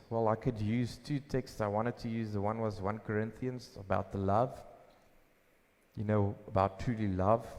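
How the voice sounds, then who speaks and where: A man's voice: fairly low pitch, darkish tone. Man preaching at a pulpit microphone. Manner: emphatic preaching, asking and answering his own questions. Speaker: pastor. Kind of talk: sermon. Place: church hall. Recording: long hall reverb.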